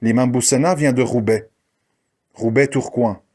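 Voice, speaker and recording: A commentator in a combative monologue, challenging his listeners and mocking the people he criticizes. His voice is medium-pitched and dark, with a steady tone and a slightly slow pace.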